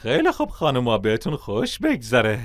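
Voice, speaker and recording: Brief: a teasing sitcom dad, very animated, heavy noise. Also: male voice, medium pitch. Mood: wry. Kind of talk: Persian dub of a sitcom.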